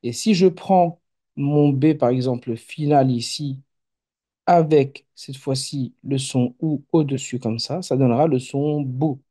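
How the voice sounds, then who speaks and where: A man's voice: medium pitch, a little slow, warm tone. A man teaching Arabic letters in an online masterclass, patient and explanatory, with frequent fillers and restarts.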